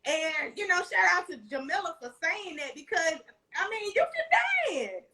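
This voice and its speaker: A woman host with an Alabama Southern accent and a high, forceful voice. She interviews casually, encouraging her guest and repeating phrases for emphasis. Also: big pitch swings, moderate pace. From Alabama, United States. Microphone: phone at arm's length, video call.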